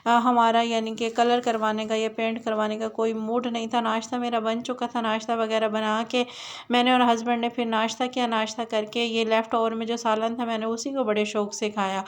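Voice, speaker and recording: A woman's voice: fairly high pitch, little pitch movement, a little fast. Chatty woman narrating her home vlog. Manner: chatty, rambling, many "na" fillers and restarts. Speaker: vlogger.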